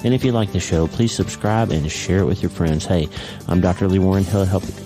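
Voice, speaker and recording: Over music, a low-pitched American man talks a little fast while hosting his own podcast from home in the early morning. He sounds a bit congested, and the casual monologue is warm, chatty and easygoing. He doesn't bother editing out his own slips.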